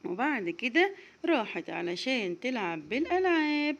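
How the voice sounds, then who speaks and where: A woman's voice: on the high side, big pitch swings, normal speed, lo-fi sound. A woman with an Egyptian accent telling a children's story, affectionately addressing young listeners.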